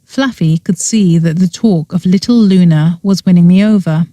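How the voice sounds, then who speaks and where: A woman narrates a cozy mystery audiobook with a mellow, relaxed tone and a slightly low pitch. She tells the story expressively, and the recording is close and dry. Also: normal speed, no echo.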